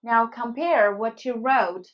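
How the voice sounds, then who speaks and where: A Chinese woman teaches a scripted beginner English lesson, speaking clearly at a very unhurried pace in a slightly high voice. She keeps encouraging her learners, though the recording comes across as somewhat dull and lo-fi.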